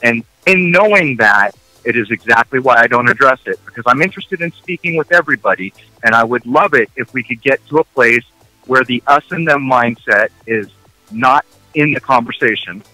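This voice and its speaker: American male guest, very bright tone, dry close sound, argues steadily, asks rhetorical questions. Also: mid-range voice, lively intonation, no echo, soft background music, low-quality recording. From United States. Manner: measured, argumentative, rhetorical questions. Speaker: interview guest. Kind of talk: radio interview.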